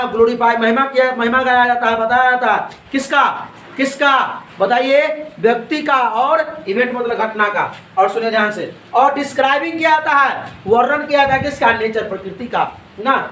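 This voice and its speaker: Guy teaching a class, really high voice, asks stuff then answers it himself, echoey room. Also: a bit bright, slight background noise. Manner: asks questions and answers them himself, repeats points. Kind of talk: classroom lecture explaining a poem.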